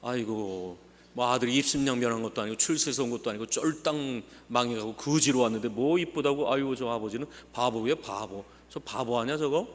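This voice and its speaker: A man's voice: mid-range voice, brisk, close to an everyday voice. A man voicing scornful villagers mocking a foolish father. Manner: scornful, sneering. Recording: long church hall reverb.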